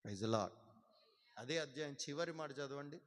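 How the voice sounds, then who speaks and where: A man's voice: fairly high pitch, unhurried. Fervent male pastor preaching in a hall. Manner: fervent preaching, calls on the congregation to shout back. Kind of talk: sermon. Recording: long hall reverb.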